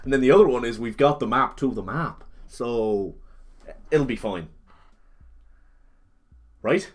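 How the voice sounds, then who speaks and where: A man's voice: medium pitch, animated, measured pace. A man casually narrating a tabletop role-playing game, joking and slipping into characters' lines as he goes.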